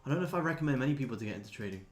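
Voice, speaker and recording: Racing along with lively intonation at a medium pitch, a livestream host in his twenties answers his viewers. He's a day trader whose casual talk is laid-back, blokey and full of swearing.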